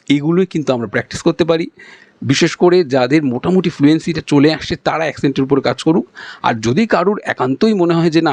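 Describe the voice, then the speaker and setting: A man with a Bengali accent, teaching English pronunciation in a spoken lesson and demonstrating sounds slowly and patiently. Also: on the high side, vocal fry, darkish tone, no room sound.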